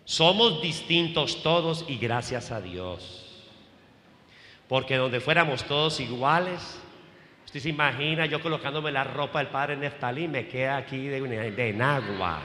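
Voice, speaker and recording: Male priest preaching; high, sharp, forceful voice, animated and joking with the congregation, in an echoey church. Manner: animated preaching, questions to the congregation, humorous asides. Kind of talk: sermon. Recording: echoey hall.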